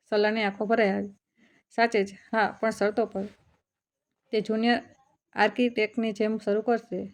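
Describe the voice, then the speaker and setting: A woman storyteller reads a family drama aloud in a calm, steady way. Her voice is gravelly with a flat, level melody. She voices the father's story in first person. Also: mid-range voice. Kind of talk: scripted narration of a family story.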